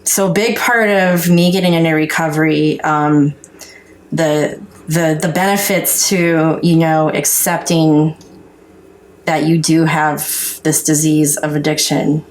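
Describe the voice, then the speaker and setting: A woman's voice: sits low, steady tone, unhurried, low-quality recording. A woman with a North Dakota accent talking frankly and earnestly in a casual chat, sharing personal testimony as a guest, with some salty language. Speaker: podcast guest sharing recovery story.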